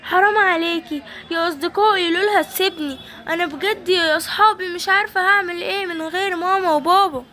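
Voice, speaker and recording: A woman's voice: very high-pitched, fast talker, hardly any pauses, pushed and bright, pitched above the performer's own voice. A woman voicing a scared little Egyptian ballerina girl. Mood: frightened. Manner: pleading, whiny, frightened. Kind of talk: toy play-acting video.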